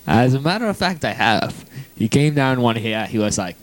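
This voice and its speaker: A man from the United States answering a comic mock interview in a halting, deadpan way. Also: mid-range voice. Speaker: interview guest.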